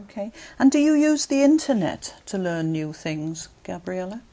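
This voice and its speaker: A woman examiner asking set questions in a speaking test, measured and clear. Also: mid-range voice, sing-song, dark tone. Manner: measured and clear, encouraging murmurs. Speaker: exam interviewer.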